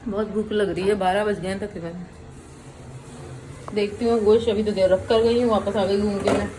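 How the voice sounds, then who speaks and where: A woman's voice: mid-range voice, steady tone, moderate pace, mellow, slight background noise, low-quality recording. A woman in her thirties, a mother, chatting casually to the camera about her day. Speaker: vlogger, mother. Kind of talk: casual home vlog chat.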